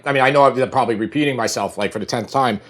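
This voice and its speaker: A middle-aged man with a Long Island accent, showing a recipe in his home kitchen in a relaxed, chatty way full of fillers. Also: mid-range voice, racing. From Long Island, New York. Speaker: cooking show host. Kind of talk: casual cooking demonstration.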